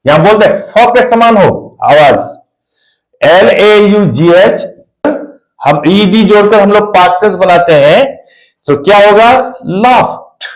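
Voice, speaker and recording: A man with a fairly high voice teaches a spoken English lesson at an unhurried pace. He spells words out letter by letter and repeats each one several times for his learners. The sound carries an echo, as in a bare room.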